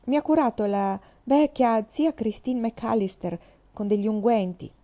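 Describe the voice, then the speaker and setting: A woman's voice: fairly high pitch, measured pace, warm tone, pitched above the performer's own voice, close to an everyday voice. A woman voicing a tough, boastful orphan girl of about twelve who talks in a brash, defiant way. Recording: slightly dull lo-fi recording.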